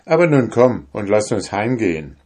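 A man's voice: fairly low pitch, sing-song, moderate pace, a little mellow, husky. A man voicing a cautious huntsman in a fairy tale, worried and pleading. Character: timid, cautious male huntsman.

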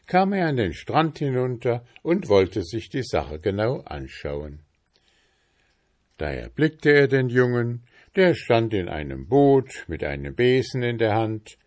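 A man reading a fairy tale aloud as narrator, in an unhurried storytelling manner. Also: on the low side, darkish tone.

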